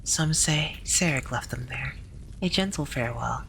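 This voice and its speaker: A storyteller narrating a scripted tale in a gentle, hushed ASMR library whisper, often slipping into breathy whispering. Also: medium pitch, moderate pace, a little hiss or hum, low-quality recording.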